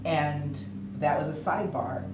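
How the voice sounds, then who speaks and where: A woman's voice: low voice, measured pace, background noise. A woman school board member, chatty and self-deprecating, telling a story in a work session. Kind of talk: casual meeting discussion. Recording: echoey meeting room.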